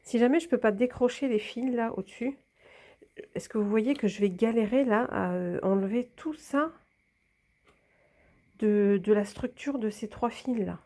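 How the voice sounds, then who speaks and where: Handling a hanging plant on camera, this plant vlogger talks casually and drops into whispers now and then, her voice a little congested from a cold. It's fairly high pitched with a dark tone, at a measured pace.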